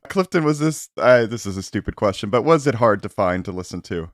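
A man's voice: mid-range voice, lively intonation, normal speed, dry recording, clean studio sound. A man hosting a casual podcast chat, joking around, laughing often and trailing off mid-thought. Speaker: podcast host.

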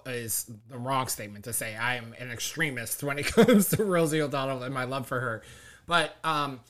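Effusive male podcast host, medium pitch. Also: a bit bright. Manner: effusive, gushing. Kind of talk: conversational podcast hosting.

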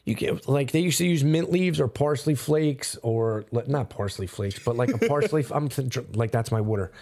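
Gravelly-voiced man telling a rambling story. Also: mid-range voice, normal speed, dark tone. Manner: rambling storyteller, heavy swearing and many fillers. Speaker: podcast guest telling a story. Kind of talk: casual chat.

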